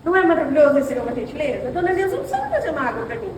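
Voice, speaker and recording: A woman's voice: sits high, racing. A middle-aged woman with a Brazilian accent, teaching a women's church class and telling personal stories while speaking directly to the "sisters" among her listeners. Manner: animated storytelling, addressing listeners as sisters. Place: church hall. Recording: roomy hall, far mic, ambient noise.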